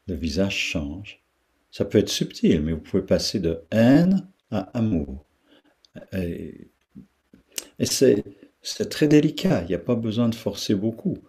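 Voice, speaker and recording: A man leading a guided meditation talk, speaking slowly with pauses and repeating syllables to show how they sound. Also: lowish voice, very animated, darkish tone, breathy edge. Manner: slow, pausing, repeats syllables to demonstrate their sound. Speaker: meditation teacher.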